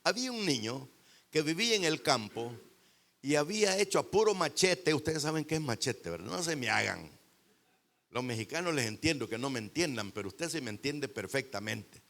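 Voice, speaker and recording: A male pastor preaching a sermon into a handheld microphone in a church, rising to loud bursts and dropping into quiet pauses. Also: medium pitch, big pitch swings. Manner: preaching with sudden loud swells and dramatic pauses.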